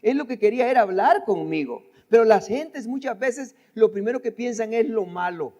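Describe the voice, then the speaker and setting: High-voiced older preacher in a reverberant hall. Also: male voice, expressive, moderate pace, mellow. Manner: conversational preaching, addresses listeners directly, repeats phrases. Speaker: pastor. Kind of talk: sermon. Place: church sanctuary.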